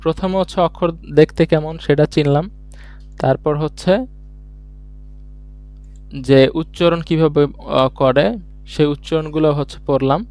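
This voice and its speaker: A man's voice: on the high side, fairly even intonation, normal speed, pauses often, darkish tone, dry recording, soft background music. A man teaching a beginners' language lesson online, explaining each step patiently and answering his own questions as he goes. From Bangladesh.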